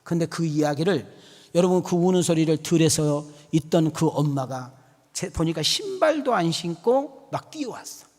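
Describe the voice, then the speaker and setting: A man preaches a sermon in a church, swinging between folksy storytelling and rising, emphatic calls. His voice sits high for a man. A long reverb from the hall trails his words. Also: lively intonation, normal speed, a little mellow. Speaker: pastor. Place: church sanctuary.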